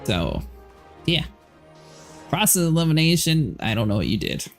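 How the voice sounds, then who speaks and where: A man's voice: a little high, very animated, moderate pace, soft background music. Chatty man hosting a gaming stream. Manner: chatty, laughs often, many "like" fillers. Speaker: livestream host. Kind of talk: casual gaming chat.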